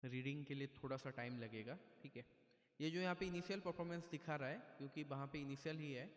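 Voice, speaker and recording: A man's voice: medium pitch, fast talker. A man giving a casual step-by-step keyboard tutorial, explaining patiently and checking in with the viewer often. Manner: plain, patient explaining with frequent "theek hai". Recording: echoey room with long reverb.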